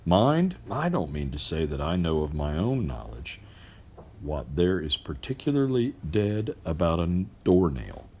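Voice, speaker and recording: A middle-aged man narrates literary fiction as an expressive storyteller, with emphatic, theatrical and deliberate phrasing. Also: low-pitched, a little hiss or hum. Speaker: storybook reader.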